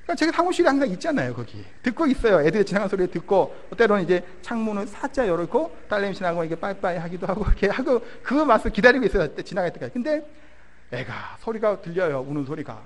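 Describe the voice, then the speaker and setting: A man's voice: sits high, very animated, fast talker. A male pastor in his thirties preaching a sermon in a conversational way, telling stories from his own family and asking the congregation questions. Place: church sanctuary.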